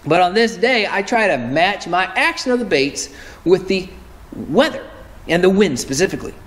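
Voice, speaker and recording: This fishing-show host, a man in his thirties, has a high voice with lively intonation and a moderate pace, with background noise present. Standing close to the camera in an indoor tackle room with a lure-covered wall, he gives casual instructional talk, correcting himself along the way.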